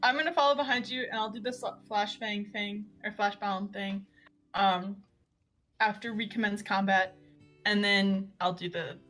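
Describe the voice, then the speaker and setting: A woman at a tabletop game explains how her plan will work, eager and groping for words. Her voice is bright at a middling pitch. Faint guitar music plays behind her. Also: normal speed. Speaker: player. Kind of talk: casual tabletop game chat.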